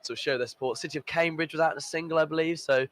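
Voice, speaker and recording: A man's voice: a little high, fairly even intonation, racing, a bit bright, a little hiss or hum, low-quality recording. A man commentating a live event in an enthusiastic, upbeat way, full of praise and fillers.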